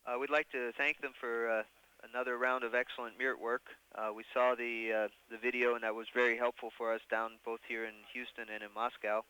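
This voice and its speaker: A man's voice: mid-range voice, level tone, brisk, sharp tone, smooth, rough recording. A man working as a mission control communicator, making formal procedural calls in an astronaut radio exchange.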